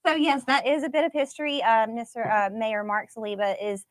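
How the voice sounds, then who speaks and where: A woman's voice: a little high, steady tone, fairly quick, slight background noise. A woman co-anchoring live election night coverage, reading out results hesitantly with many fillers.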